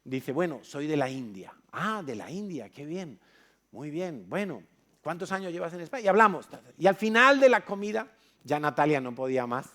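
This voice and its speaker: Man preaching a lively story sermon. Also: on the high side, normal speed. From Spain. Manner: storytelling with acted dialogue, animated. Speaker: pastor. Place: church.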